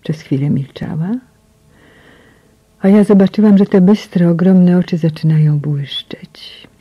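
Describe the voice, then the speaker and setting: Woman audiobook narrator, breathy and hushed, emotional first-person read, dry slightly muffled sound. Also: on the low side, a little slow, no echo. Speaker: audiobook reader.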